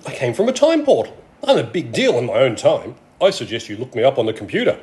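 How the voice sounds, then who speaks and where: A man's voice: mid-range voice, very animated, fast talker, a little mellow, lightly acted. A man playing Sarek, a haughty alien father and smug roguish flirt, with a dry, pompous delivery in an amateur radio play.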